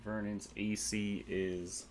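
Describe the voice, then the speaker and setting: A man's voice: fairly low pitch, level tone, slow, slight background noise. A man narrating a tabletop game as game master, methodically explaining rules and dice rolls.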